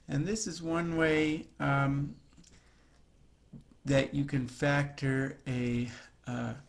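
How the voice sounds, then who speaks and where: A man teaching a recorded math lesson, talking students through the steps in a chatty way with jokey asides. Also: medium pitch.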